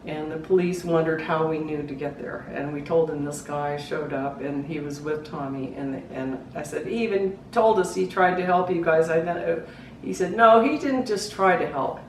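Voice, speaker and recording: Middle-aged woman, grieving mother, earnest and halting, lowish voice, distant mic, echoey living room. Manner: earnest, halting, voice rising and breaking when distressed. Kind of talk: emotional personal testimony. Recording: roomy, distant mic, faint background hiss.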